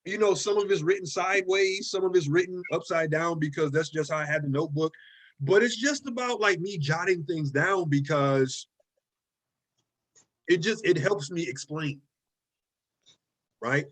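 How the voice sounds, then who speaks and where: A man with a somewhat high speaking voice teaches a college writing class over a video call from his desk. His delivery is loose and conversational, peppered with "okay?" and "right?" and with repeated words as he searches for the next phrase. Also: normal speed, long pauses. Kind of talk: casual online class lecture.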